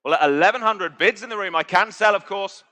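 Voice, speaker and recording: British guy auctioneer, highish bright voice, chatty bid calling, repeats the numbers. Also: a little fast. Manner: conversational, repeats bid figures. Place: auction sale room.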